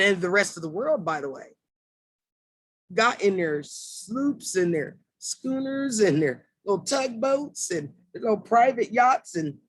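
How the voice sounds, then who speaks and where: A fired-up man holds forth on politics in a heated monologue, swearing freely and slipping into quick voices for the people he quotes. His voice sits fairly high for a man. The sound is dry and close, with no room around it. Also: dry recording. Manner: heated, swears, acts out quotes in lively asides. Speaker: political commentator.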